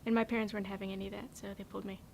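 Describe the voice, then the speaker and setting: An eighteen-year-old woman, a graduating homeschool student, telling her answers in an animated way. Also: medium pitch, racing, vocal fry, slight background noise. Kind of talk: casual interview answers.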